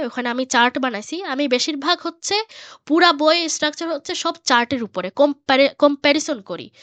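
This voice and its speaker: A woman's voice: high voice, no room sound. A young woman teaching Spanish, explaining her textbook step by step in a chatty way with many fillers. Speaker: Spanish teacher and book author. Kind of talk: casual explanatory lesson.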